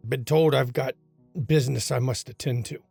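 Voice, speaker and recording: A man voicing the vengeful, blunt ghost of a gunned-down man in a tabletop game, with a raspy, sly, terse delivery. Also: medium pitch, fairly even intonation, moderate pace, a little mellow, faint music behind. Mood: bitter, sly. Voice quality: raspy, gravelly.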